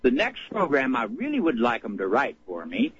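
A man's voice: mid-range voice, huge pitch swings, normal speed. A man from Louisiana calling in to a radio show over the phone, chatting in a folksy, wry, sarcastic way. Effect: heard over the phone. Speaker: radio call-in caller. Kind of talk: casual call-in chat. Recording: muffled phone line with faint noise.

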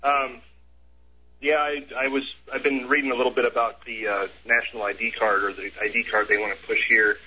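A man's voice: medium pitch, little pitch movement, a little fast, pushed and bright, slightly rough. A man from Washington State calling in to a radio show over the phone, hesitant and full of ums. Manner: hesitant, lots of ums and uhs. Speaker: caller. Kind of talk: call-in radio chat. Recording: muffled phone line.

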